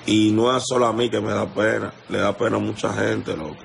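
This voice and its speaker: A man's voice: lowish voice, fairly even intonation, brisk, gravelly, a little hiss or hum. A young man with a Dominican accent, talking straight into a phone livestream in a heated, confrontational rant, repeating himself and asking whether the listener understands. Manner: confrontational, repetitive, keeps asking "you understand?". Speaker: musician addressing a rival.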